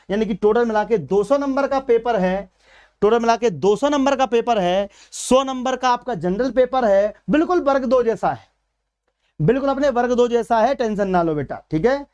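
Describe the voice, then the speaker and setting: Chatty high-voiced Hindi coaching teacher. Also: male voice, darkish tone, clear, resonant tone. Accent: Hindi from Madhya Pradesh. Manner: chatty, addresses viewers as beta and bhaiya. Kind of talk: live exam-prep class.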